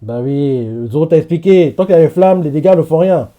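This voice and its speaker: A man's voice: a little high, a little fast, narrow, tinny audio. A man streaming a live anime reaction, chatting casually with lots of fillers and frequent laughter. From French-speaking.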